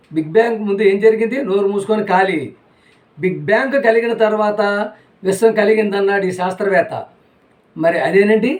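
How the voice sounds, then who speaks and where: A man preaches a sermon. He keeps asking his listeners rhetorical questions and says the same lines again and again for emphasis. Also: high-pitched. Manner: rhetorical questions, repeats phrases.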